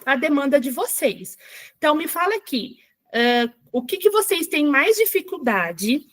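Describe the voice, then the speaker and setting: A woman running a live online workshop for teachers, chatty and checking in with her viewers, reading screen text aloud slowly, with a Brazilian Portuguese accent. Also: high-pitched. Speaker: teacher trainer.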